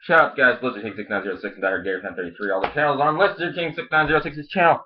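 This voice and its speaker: In dull, lo-fi home video audio, a man chats casually through a product review, rambling and swearing with a lip full of dip. His mid-range voice is expressive and his pace races along.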